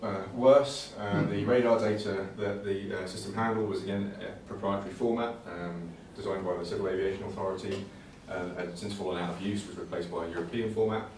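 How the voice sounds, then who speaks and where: A low-voiced man keeps an even tone while delivering an informal, slide-based technical presentation at a computing conservation talk. Though hesitant and conversational, repeating words as he goes, he moves briskly with few pauses. The indoor venue is very echoey, recorded from a distant mic with faint noise.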